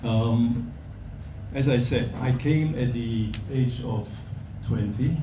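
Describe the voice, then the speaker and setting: A man in his sixties from Belgium, gives a friendly speech at a gala dinner and chuckles softly. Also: mid-range voice, slow pace, highs cut off. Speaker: volunteer bike instructor. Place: banquet hall. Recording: echoey hall, mic far off, noisy.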